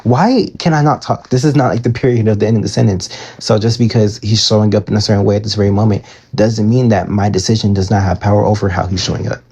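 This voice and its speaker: Gravelly low-voiced man chatting on a live stream. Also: steady tone, fast talker, hardly any pauses, a little mellow. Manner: chatty, filler-heavy, reads out comments and answers them. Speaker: manifestation coach answering viewer questions. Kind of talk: casual live-stream advice.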